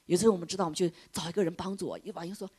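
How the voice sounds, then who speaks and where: A middle-aged woman preaching a sermon, switching between loud exclamations and hushed whispers. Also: fairly low pitch, steady tone, racing, breathy edge.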